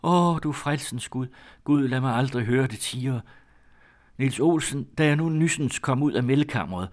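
A man voicing Maren, a panicky young milkmaid. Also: natural voice. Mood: frightened. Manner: shrill, panicky pleading. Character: frightened young female milkmaid.

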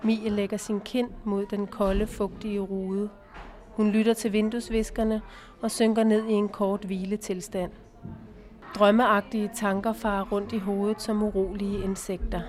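Calm woman narrating an audiobook. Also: mid-range voice.

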